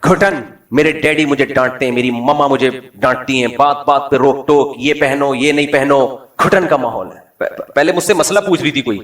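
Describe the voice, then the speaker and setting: A man's voice: medium pitch, fairly bright tone, reverberant, distant mic. A man preaching to a live audience in a conversational, lightly joking way, full of rhetorical questions. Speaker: Islamic preacher. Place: lecture hall with an audience.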